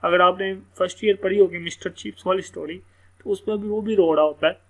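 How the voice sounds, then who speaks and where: A man giving a casual phonics lesson, explaining word sounds and slowly spelling out examples. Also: high-pitched, fairly even intonation. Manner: casual, explanatory, repeats words slowly letter by letter. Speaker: English teacher. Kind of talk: screen-share phonics lesson.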